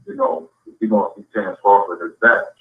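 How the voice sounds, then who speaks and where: A man's voice: on the low side, huge pitch swings, a little fast. A man calling in as a guest on speakerphone, sounding faint and far away, talking loosely with lots of fillers. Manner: loose, filler-heavy talk. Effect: faint, faraway speakerphone sound. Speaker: guest boxing commentator. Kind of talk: casual call-in chat. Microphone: phone on speakerphone. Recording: echoey, distant, dull remote call.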